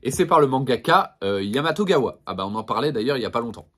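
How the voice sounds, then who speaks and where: A man at a middle pitch, chatting enthusiastically in a casual vlog as he shows off his collection. He hesitates often and restarts his sentences. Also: animated, quick pace, a bit bright. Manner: enthusiastic, many fillers and restarts. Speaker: manga collection reviewer. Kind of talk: casual product showcase vlog.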